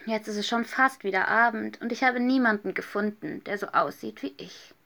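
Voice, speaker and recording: A woman's voice: mid-range voice, moderate pace, gravelly, sharp tone. A woman voicing a lonely little Easter hedgehog in a children's story, earnest and a bit plaintive.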